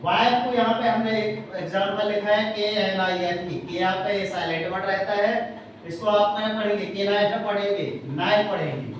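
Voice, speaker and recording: A man's voice: high-pitched, moderate pace, a little hiss or hum. A man tutoring a class in English, spelling words out letter by letter and quizzing his students. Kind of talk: classroom teaching. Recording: echoey room recorded from a distance.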